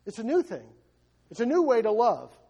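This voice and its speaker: A man's voice: extremely high pitch, huge pitch swings, normal speed, creaky, mellow, breathy edge, dull audio. A man preaching a sermon to his congregation, emphatic, asking rhetorical questions and often repeating words as he goes. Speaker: pastor.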